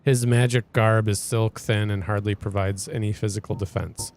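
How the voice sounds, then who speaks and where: A man's voice: on the low side, steady tone, moderate pace, darkish tone, faint music behind. A man hosting a let's play, giving casual gameplay commentary in a rambling, hesitant way with frequent restarts.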